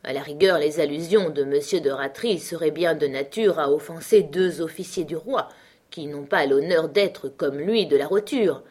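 A woman's voice: sits low, normal speed, a little mellow, husky. A woman reading aloud, voicing an arrogant young male musketeer who sneers at commoners. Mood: haughty sneering. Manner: haughty, sneering.

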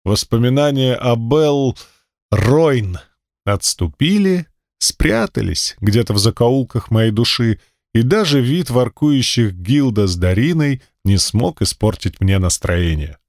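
A man reading a first-person fantasy audiobook in a steady, measured storytelling voice. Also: mid-range voice, no room sound, studio quality. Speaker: audiobook narrator.

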